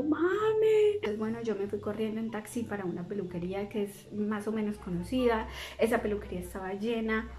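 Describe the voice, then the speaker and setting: A young woman, a beauty vlogger telling a storytime monologue and acting out the people she quotes. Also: medium pitch. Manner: animated, acts out quoted dialogue.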